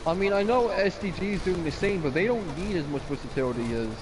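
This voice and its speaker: Guy casting a live game, kinda high voice, talks fast and animated, noisy background. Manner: animated, chatty, lots of filler words. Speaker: esports caster. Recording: background noise.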